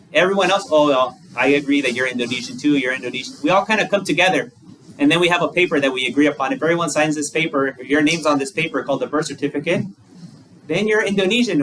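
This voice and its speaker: With a voice on the high side and a bit bright, a monk gives a conversational dharma talk, using plain illustrations and rhetorical questions. He's recorded from a distance, with faint room noise.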